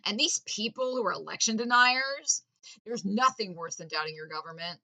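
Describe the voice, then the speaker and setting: Bright-voiced sarcastic woman ranting. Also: medium pitch, lively intonation, normal speed. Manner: mock-earnest, ironic, laughs at own jokes. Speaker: satirical commentator. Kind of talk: sarcastic political rant.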